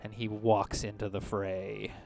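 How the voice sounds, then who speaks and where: A man acting as game master, improvising narration of tabletop combat in a halting but descriptive way. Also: on the low side, level tone, creaky, darkish tone, faint music behind.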